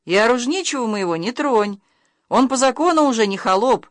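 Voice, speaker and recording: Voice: mid-range voice, expressive, brisk, a bit bright, no echo, voice pushed up, close to an everyday voice. A reader voicing a proud, defiant young nobleman in an audiobook, speaking firmly with a raised voice. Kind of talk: audiobook reading of character lines.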